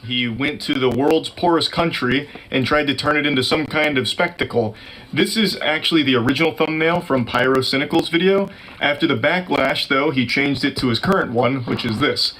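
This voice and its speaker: Dude narrating a commentary vid, dry sardonic jokes, bit of background hiss. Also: male voice, mid-range voice, normal speed, a bit bright, low-quality recording.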